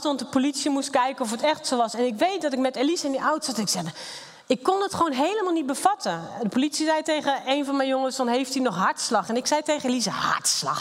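Middle-aged woman, blunt and emotional personal testimony, long hall reverb. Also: high-pitched. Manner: candid and blunt, emotional storytelling. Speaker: speaker sharing a personal testimony.

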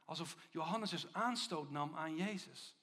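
High-voiced man preaching with emphasis. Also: a little slow, fairly bright tone. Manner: emphatic, rhetorical questions. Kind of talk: sermon.

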